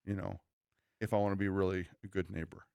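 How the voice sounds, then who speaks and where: A man's voice: sits low, level tone, fast talker, creaky, a little mellow, clear, resonant tone, dry recording. Earnest pastor man, dry close mic. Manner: earnest, preachy, many restarts and quoted asides. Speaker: pastor and podcast co-host. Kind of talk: conversational church podcast.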